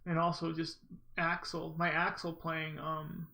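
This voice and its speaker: Male speedrun commentator, informal and rambling, forceful bright tone with vocal fry. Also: fairly high pitch, monotone, unhurried. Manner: rambling, informal, self-interrupting storytelling. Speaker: gamer, speedrunner commentating own run. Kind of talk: casual gameplay commentary.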